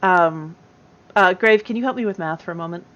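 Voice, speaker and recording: A woman's voice: lowish voice, brisk, fairly bright tone, dull audio. Woman thinking aloud at a game table. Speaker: player. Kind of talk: casual tabletop play.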